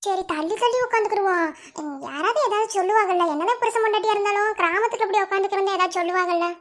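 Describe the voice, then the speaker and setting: A very high, piping voice of a childlike young village wife in a cartoon. She speaks Madurai Tamil in a sweet, teasing, affectionate way. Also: very fast. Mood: worried. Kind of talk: cartoon voice acting.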